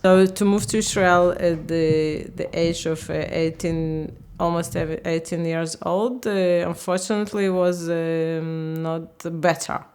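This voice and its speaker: A woman in her fifties from Ukraine, speaking English, talks haltingly in a candid interview and often searches for words. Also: on the low side, fairly even intonation, a little mellow, clean tone. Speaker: interviewee, language teacher.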